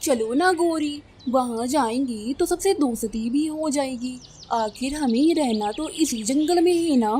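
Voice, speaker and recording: A woman's voice: high voice, measured pace, hardly any pauses, mellow, a little hiss or hum. A woman doing a good-natured cartoon crow husband. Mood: friendly. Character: friendly, easygoing male crow husband.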